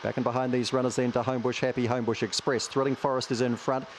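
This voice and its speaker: A man's voice: medium pitch, flat delivery, fast, slight background noise. A man with a broad New Zealand accent calling a greyhound race in live commentary.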